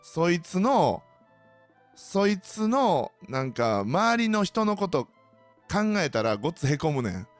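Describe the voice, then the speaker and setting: Ranting Kansai man with a lively voice. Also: a little high, takes it slowly, soft background music. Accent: Kansai Japanese. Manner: ranting, sardonic, animated storytelling. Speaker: host. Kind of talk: casual monologue to listeners.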